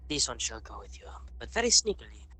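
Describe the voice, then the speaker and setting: A woman's voice: rumbling low, very animated, quick pace, husky, no echo, full character voice. A woman in whispered role-play, voicing a nervous, sneaky creature that speaks of itself in the third person. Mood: hushed. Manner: hushed, third-person speech.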